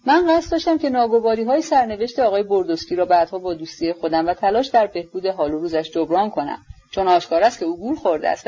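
Brief: woman audiobook narrator, husky, mid pitch, dull lo-fi recording. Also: mellow.

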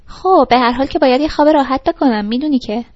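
A woman voicing a sharp-tongued young woman woken by a late phone call, curt and then coy, in an audiobook reading. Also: high-pitched, no room sound, lightly acted. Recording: dull lo-fi recording.

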